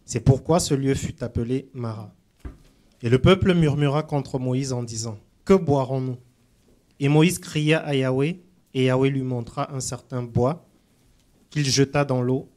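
A man in a church group reading a Bible passage aloud, softly and at a steady, measured pace. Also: mid-range voice. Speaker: scripture reader in a church group.

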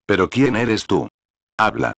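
A stern, vengeful ship captain speaks in a deep, low voice, read by a man. He makes commanding demands in a storybook reading. The sound is dry and close. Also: unhurried, vocal fry, a bit bright, dry recording, exaggerated voice.

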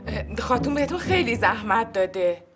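A polite, hesitant woman with a fairly high voice. A music score plays beneath her. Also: very animated. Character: polite anxious woman asking after Khatun.

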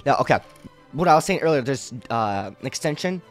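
A young man with a mid-pitched voice talks like a hyped gamer bro as he shows off his game setup. His commentary is casual and rambling, with music playing lightly underneath. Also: expressive, brisk. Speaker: video creator demonstrating his own program.

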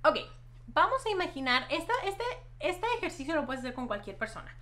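Speaking briskly in a high, sing-song voice with a sharp tone, a young YouTube host and hypnotherapist talks to camera like a casual vlog. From a small decorated room in her home, she drives points home emphatically and repeats words for stress.

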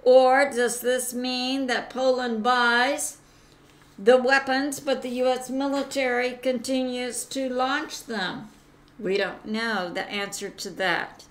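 A woman hosts her own commentary channel and talks through the news alone. Her delivery is slow and halting, full of fillers and mid-sentence corrections. Her voice sits somewhat high for a woman. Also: fairly bright tone. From United States. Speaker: channel host.

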